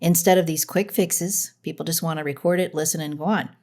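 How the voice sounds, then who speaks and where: A woman's voice: sits low, fairly quick, darkish tone. A woman guest on a podcast, talking earnestly and agreeing emphatically. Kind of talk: casual conversation.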